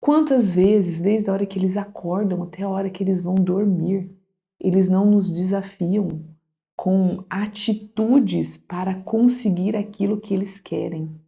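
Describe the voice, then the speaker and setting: Woman, parenting lesson read aloud, explanatory, gravelly, warm dark tone. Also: mid-range voice, unhurried. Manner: explanatory, asks the audience rhetorical questions. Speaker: parenting educator reading a book aloud.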